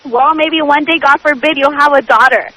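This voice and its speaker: A woman on the line as a radio show caller, pressing her point without letting up. Her voice sits very high and has a bright, sharp edge. She argues hard and keeps cutting back in. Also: normal speed, poor audio. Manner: insistent, argumentative, keeps talking over the host. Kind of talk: heated phone-in argument.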